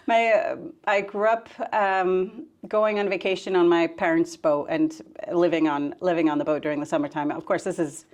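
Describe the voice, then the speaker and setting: A woman in her forties, guesting on a podcast, with a slightly low voice. She talks in a relaxed, conversational way and thinks aloud as she goes. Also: measured pace. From United States. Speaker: guest, fisheries scientist. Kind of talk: casual interview chat.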